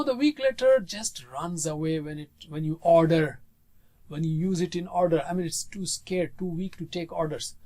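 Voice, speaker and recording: A man's voice: high-pitched, a little mellow. A man teaching a grammar lesson to a class. He patiently leads call-and-response drills and mixes English with Arabic words. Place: classroom with students.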